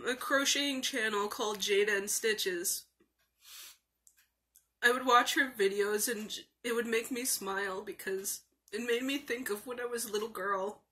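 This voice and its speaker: A young adult woman in a casual, rambling vlog chat, speaking haltingly. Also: fairly high pitch, bright, forceful tone. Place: small room indoors. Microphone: phone or webcam at arm's length.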